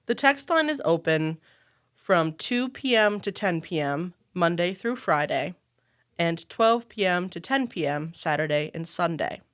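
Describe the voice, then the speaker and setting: A woman in her twenties opens a podcast as its host. Her voice is smooth and clear and sits a touch low, and she reads her introduction in a steady, measured way. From Maine, US. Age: 20s. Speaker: podcast host and program manager.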